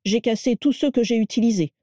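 A hulking, gruff wizard sneers and grumbles, his voice pushed up and strained, as a woman narrator puts him on. The reading is warm in tone and recorded close and dry. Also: fairly high pitch, a little fast, no echo, pitched above the performer's own voice, close to an everyday voice. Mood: grumbling. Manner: gruff and sneering, panics easily. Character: blustering burly wizard, grumbling and jittery.

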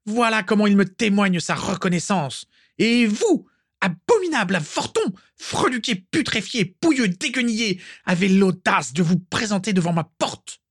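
A man voicing a furious, haughty older witch who screams insults in a shrill, screeching voice. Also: lively intonation, moderate pace, slightly rough.

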